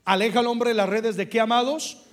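A young man preaching a sermon as pastor, swinging from hushed passages to loud ones and calling out for replies from his congregation. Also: very high voice, steady tone, fairly quick.

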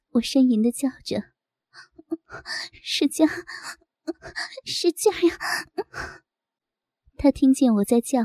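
A woman narrating a first-person audio story with a fairly high voice. Her tone is mellow and soft, and her telling is intimate and unhurried. The recording is dry and close. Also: dry recording.

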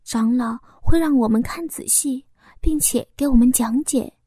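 A shy young village wife, as the woman reading the story puts her on speaks in a hushed, confiding voice. Her voice sits high and mellow. The sound is dry and close. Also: normal speed, breathy edge, dry recording. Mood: hushed explaining.

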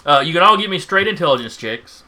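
A man narrating a tabletop game as game master, informal and halting as he improvises. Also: on the high side, expressive, sharp tone.

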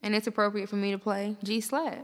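A woman, hosting a podcast in animated, slangy, profane banter. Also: medium pitch, in a large hall. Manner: animated, slangy, quick to laugh. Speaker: podcast host.

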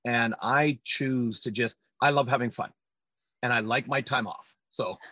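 A man's voice: medium pitch, steady tone, a little slow, a bit bright, no room sound, highs cut off. A man speaking as an interview guest, telling personal stories conversationally and emphatically. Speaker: podcast guest, trainer and speaker.

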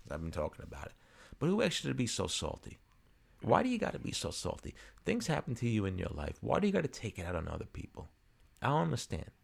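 A man's voice: sits low, creaky. A man, co-hosting a podcast in casual chat, joking and ranting. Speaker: podcast co-host.

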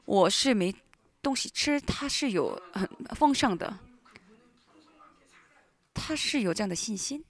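Halting woman interpreting a sermon. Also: mid-range voice, animated. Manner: halting, with frequent restarts and fillers. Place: church hall.

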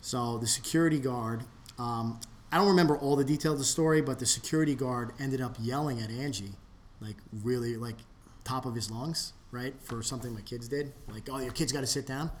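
A man in casual podcast chat, telling a long story with many restarts and trailing off into low mutters. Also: fairly quick, a little hiss or hum. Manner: rambling, restarts often, drops to a low mutter when quoting.

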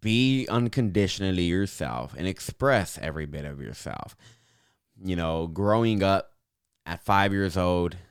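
A young man speaking earnestly and encouragingly as an interview guest, with a slight impediment that softens his r's toward w and affects his s's. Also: sits low, animated, a little slow, clean tone, no echo, clean studio sound. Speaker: podcast guest. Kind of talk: earnest personal reflection in an interview.

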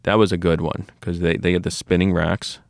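Low gravelly man telling stories. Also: little pitch movement, brisk, no room sound, clean studio sound. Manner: rambling, with restarts and asides. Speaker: comic shop owner, podcast regular. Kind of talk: casual storytelling conversation.

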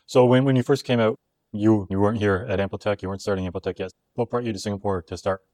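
A man hosting a podcast, reading a scripted intro and asking interview questions in a measured, upbeat way. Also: lowish voice, fairly even intonation, a little mellow, no room sound. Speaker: podcast host.

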